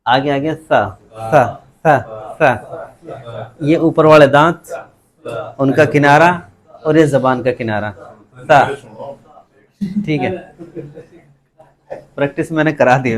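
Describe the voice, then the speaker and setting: A man teaching a tajweed lesson, patiently repeating letter sounds slowly for students to copy, with English words mixed in. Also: medium pitch. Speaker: Quran recitation teacher.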